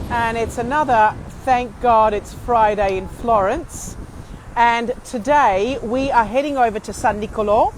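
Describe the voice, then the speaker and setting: A middle-aged Australian woman chatting to viewers on a live walking vlog, effusive and theatrical, full of endearments. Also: on the high side. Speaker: tour operator and live vlog host. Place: outdoors on a city street and bridge. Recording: windy outdoor street noise.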